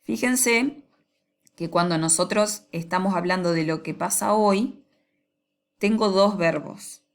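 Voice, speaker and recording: A woman, teaching English grammar in a patient, explanatory way and slowing down to read out examples. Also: on the low side.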